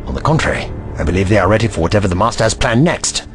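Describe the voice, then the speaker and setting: A man's voice: on the low side, sing-song, very fast, music in the background. A man playing a clever, earnest alien Time Lord hero in an audio drama, with precise, theatrical, formal diction. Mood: gently cautious.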